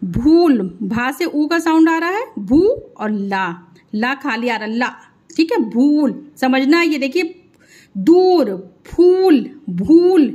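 Slow, high-voiced woman teaching Hindi letters. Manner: drawn-out syllables, repeats each sound, frequent "thik hai". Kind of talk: slow spelling lesson, dictating sounds.

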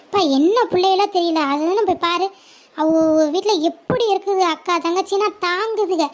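A scolding mother in a home drama, played by a woman, her voice sitting very high. She nags her daughters in a sharp, constant stream. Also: fairly even intonation, normal speed. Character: scolding middle-aged mother of two girls. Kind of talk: family drama role-play.

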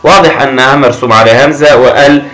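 Male primary teacher, recorded grammar lesson for kids, encouraging, drawn-out words when reading aloud. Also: mid-range voice, steady tone, fairly bright tone, poor audio. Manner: encouraging, often praising pupils.

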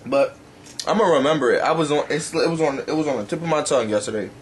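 A man's voice: fairly high pitch, fast talker, slight background noise. Rambling young man, mouth full. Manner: rambling, eating while talking; offhand, swears casually. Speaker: YouTuber. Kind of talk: casual vlog.

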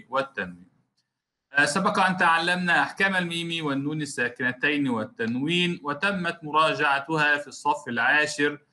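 Bright-voiced man teaching recitation rules. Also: on the high side. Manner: explains step by step, repeats key terms, demonstrates recitation slowly; addresses students directly as a class. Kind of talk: recorded classroom lesson.

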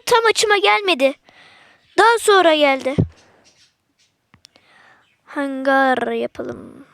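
A woman's voice: high-pitched, fairly bright tone, no room sound. A woman giving casual, slangy gameplay commentary to her viewers, with sudden frustrated outbursts. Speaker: gaming channel host.

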